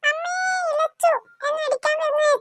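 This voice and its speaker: Very high, squeaky, bratty little cartoon sister, dry close sound. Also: female voice, level tone, normal speed, a bit bright, no echo. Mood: whiny. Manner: whiny, teasing. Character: cheeky bratty little girl, younger sister. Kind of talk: cartoon voice acting.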